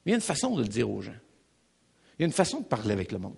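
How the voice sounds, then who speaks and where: A pastor with a Québécois French accent preaches a sermon emphatically and with animation, repeating phrases and speaking directly to the congregation. His lowish voice is creaky with a breathy edge, and he talks very fast.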